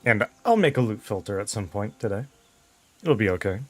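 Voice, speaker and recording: A man's voice: on the low side, sing-song, brisk. A man giving casual game commentary, easygoing and thinking aloud as he plays. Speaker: game streamer.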